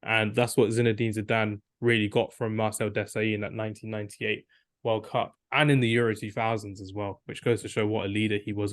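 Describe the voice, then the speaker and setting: A young man co-hosts a football podcast, rambling with enthusiasm through a casual debate and acting out quotes as he goes. His voice is fairly low, recorded clean in a studio with no room sound.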